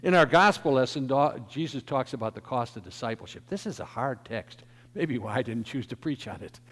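Male pastor, emphatic sermon, lively pitch, long echo of a church sanctuary. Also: a little fast, husky. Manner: emphatic preaching that swells in volume, then drops to soft.

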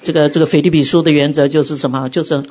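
Middle-aged woman preacher, bit husky, sermon full of stories, acts out the quotes. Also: deep voice, rapid-fire. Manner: animated storytelling, acts out quotes. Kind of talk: sermon with personal testimony.

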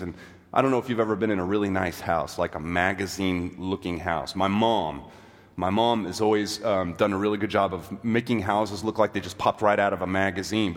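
A man preaching a sermon as pastor, his voice hoarse and sick, talking in a conversational, self-deprecating way. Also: on the low side, big-room sound.

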